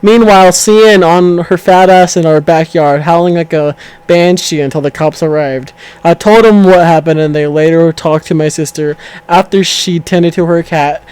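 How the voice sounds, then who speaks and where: A man with a fairly high voice reads a story aloud in a casual, unpolished way. He trips over words and backs up to fix them, speaking into a home mic over an online call. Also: a little mellow, smooth, rough recording. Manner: reads aloud with stumbles, self-corrections and laughter. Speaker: co-host reading stories aloud. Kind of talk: casual reading of online stories.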